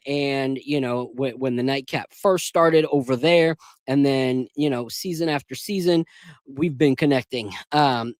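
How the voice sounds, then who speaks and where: A man's voice: on the high side, a little mellow, no room sound. A man hosting a casual sports and whiskey livestream, chatty and laid-back, calling on viewers to like and subscribe. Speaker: podcast host.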